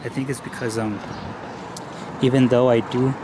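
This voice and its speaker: Riding a bike one-handed down city streets, a young man from Los Angeles rambles to the camera he holds at arm's length, a little out of breath and restarting often with fillers. The travel vlogger's voice is mid-range, level, and moderately paced, with heavy street and traffic noise behind it.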